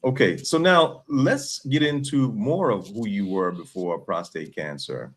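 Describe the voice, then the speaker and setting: Low-voiced New York-born podcast host. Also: male voice, measured pace, husky. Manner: friendly, structured questioning. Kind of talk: podcast interview.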